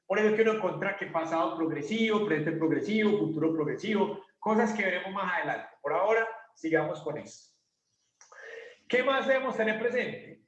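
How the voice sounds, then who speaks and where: A man's voice: high voice, expressive, brisk, dull audio. A man teaching an English grammar lesson to a class, patiently asking questions and answering them himself. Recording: echoey room, voice from a distance.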